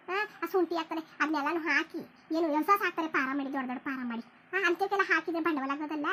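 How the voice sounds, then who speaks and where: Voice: extremely high pitch, sharp tone, a little hiss or hum. A cartoon voice of an elderly village mother, lamenting and scolding her son over and over. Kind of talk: cartoon voice acting.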